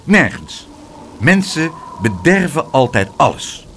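A man's voice: a little high, very animated, slow pace, fairly bright tone, a little hiss or hum, voice pushed up, heavily acted. A man voicing a fussy, grumpy grown man who runs weather experiments, peevish and scolding. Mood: cross.

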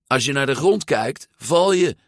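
A man's voice: medium pitch, animated, a little slow, no echo, studio quality, voice pushed up, natural voice. A man voicing a bossy, impatient young girl who scolds and drops in Italian words.

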